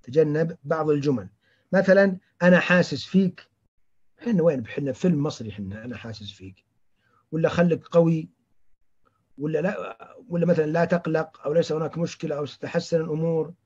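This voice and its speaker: A man's voice: on the high side, fast, mellow, breathy edge. A man giving an interactive lecture on counseling patients, quizzing students by name and acting out example dialogues. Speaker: trainer teaching patient counseling. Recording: muffled lo-fi recording.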